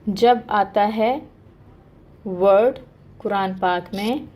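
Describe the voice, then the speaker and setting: With a mid-range, darkish voice and a very slow delivery, a woman leads an online Quran recitation lesson. Her explanations are patient and stepwise; she checks in with "okay" and elongates the sounds she shows.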